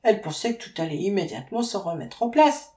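A woman narrating an audiobook with wry, lively storytelling. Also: medium pitch, fast talker. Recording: roomy echo.

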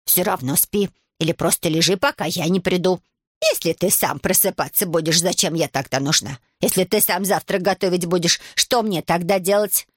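A woman voicing a fussy, bossy old grandmother in a read-aloud story, drawing her words out slowly. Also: on the low side, dry recording, clean studio sound, natural voice. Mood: scolding.

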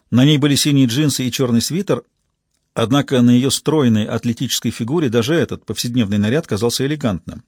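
A man reads a crime audiobook in a steady, measured way, with a husky edge to his voice. The recording is dry and close, with no room sound. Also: medium pitch, no room sound. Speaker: audiobook narrator. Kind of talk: scripted audiobook narration.

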